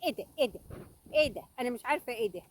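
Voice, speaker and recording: Shrill, fast-talking Egyptian woman scolding. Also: animated, background noise. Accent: Egyptian Arabic. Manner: scolding, insulting and sarcastic. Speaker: YouTuber. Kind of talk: mocking rant.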